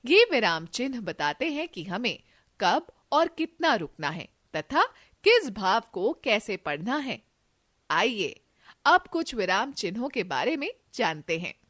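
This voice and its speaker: A woman teaching a children's grammar lesson, reading example sentences slowly and expressively. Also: a little high, very animated, a bit bright.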